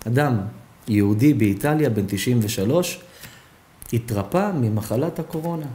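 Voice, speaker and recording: A man, a rabbi, giving a Torah lesson and telling a story dramatically, with sudden jumps in pitch and loudness. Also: expressive, slight background noise.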